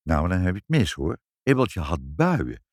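A man narrating a children's story in a lively, expressive reading. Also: sits low, unhurried, no room sound, clean studio sound.

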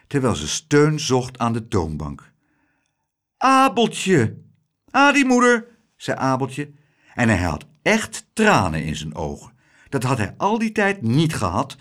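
A man reading a children's storybook aloud in an expressive, lilting manner. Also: medium pitch. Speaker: narrator.

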